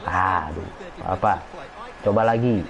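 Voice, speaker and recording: A man's voice: low-pitched, unhurried, creaky, fairly bright tone. A man streaming a football video game, reacting to plays and chatting with viewers as he reads comments. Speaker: gaming streamer. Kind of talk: casual live game commentary. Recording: dull lo-fi stream audio, faint noise.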